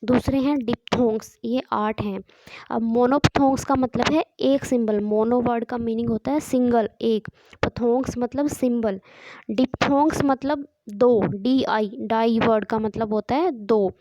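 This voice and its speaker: A woman's voice: on the high side, a little slow, mellow, highs cut off. A woman teaching English sounds, with an Indian English accent, explaining patiently step by step and repeating key points. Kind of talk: classroom lesson explanation.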